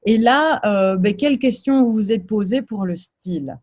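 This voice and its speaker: A woman's voice: medium pitch, moderate pace, darkish tone, lo-fi sound. A woman from Belgium hosting her channel and interviewing a guest, summarizing answers and guiding with questions.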